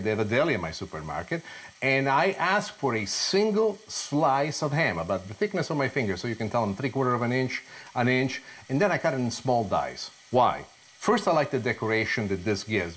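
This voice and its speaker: A man's voice: medium pitch, husky. A middle-aged man hosting a cooking show in a home kitchen, explaining each step expressively and asking himself rhetorical questions. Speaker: TV chef host.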